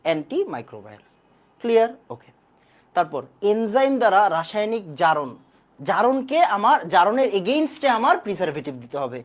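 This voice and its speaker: A woman's voice: mid-range voice, big pitch swings, fairly quick. A woman teaching a chemistry class online, repeating key points and quizzing the class.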